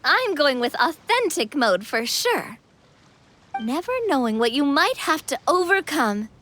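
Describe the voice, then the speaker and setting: A woman's voice: high voice, very animated, a little slow, fairly bright tone, a little hiss or hum, exaggerated voice. An actress playing a bubbly, confident young businesswoman who loves adventure, in an enthusiastic, persuasive video game style. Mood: eager, teasing. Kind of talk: animated video game voice acting.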